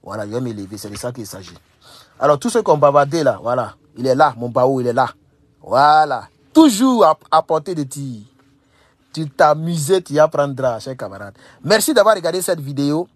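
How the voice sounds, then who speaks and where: A man's voice: mid-range voice, lively intonation, normal speed, no echo. A young man from Burkina Faso, talking straight to camera, emphatic, repeating phrases and scolding his listeners. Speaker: political commentator. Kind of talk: casual direct-to-camera monologue.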